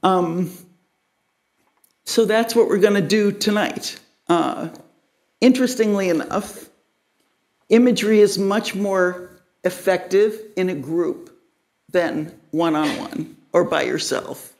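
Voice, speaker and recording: A woman teaching guided imagery to a live audience in a crowded room, explaining in a measured way. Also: lowish voice, darkish tone. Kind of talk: live lecture to a group.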